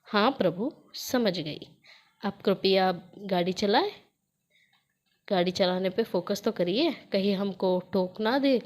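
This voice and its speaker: A woman's voice: mid-range voice, slow pace, pauses often, darkish tone, pitched below the performer's own voice, close to an everyday voice. Woman voicing a chatty young woman friend. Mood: teasing. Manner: teasing, talkative.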